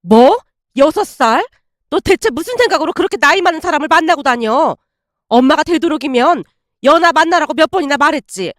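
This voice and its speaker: A woman's voice: high voice, expressive, fast, a bit bright, dry recording, studio quality, voice pushed up. A woman playing a fretful, nagging mother. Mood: scolding. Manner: fretful and scolding. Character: anxious, nagging middle-aged mother.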